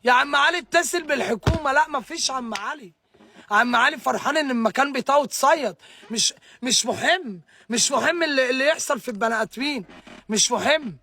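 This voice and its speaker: A man's voice: very high voice, brisk, bright, forceful tone. A distraught young man with an Egyptian accent, ranting live to viewers, stammering and repeating himself as he answers their comments. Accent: Egyptian Arabic. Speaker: livestreamer.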